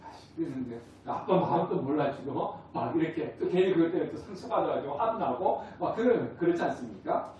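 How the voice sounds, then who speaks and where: A man's voice: a little high, expressive, fairly quick, hardly any pauses, a little mellow, dull audio, a little hiss or hum. A male pastor preaching a conversational sermon, asking the congregation questions and acting out family dialogues. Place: church sanctuary. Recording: very echoey hall, distant mic.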